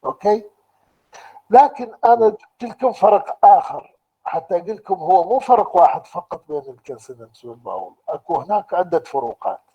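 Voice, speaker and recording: A man with an Iraqi Arabic accent giving a university lecture online, explaining slowly and deliberately and restating each point in two languages. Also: high-pitched, animated, mellow, breathy edge, poor audio.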